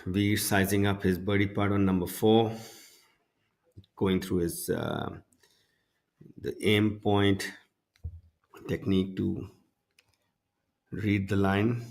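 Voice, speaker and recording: A man's voice: low voice, fairly even intonation, slow pace, gravelly, long pauses, a little mellow. A man giving analysis as a golf commentator during live tournament coverage. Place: broadcast studio.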